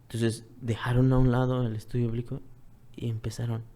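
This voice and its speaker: A Mexican man, a guest on a talk show, recounts his own experience in plain conversational Spanish. His voice sits in an ordinary middle register. He repeats his phrases and often sinks into a hushed, breathy near-whisper. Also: medium pitch, level tone, fairly quick. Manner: repetitive, earnest retelling, often drops to a soft near-whisper. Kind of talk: personal testimony, conversational storytelling.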